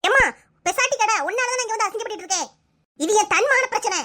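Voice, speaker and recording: Over background noise, a woman voices a touchy, quarrelsome young sister-in-law in a comic cartoon, trading insults in a Kanyakumari Tamil accent. She sounds indignant, speaking fast in a very high voice.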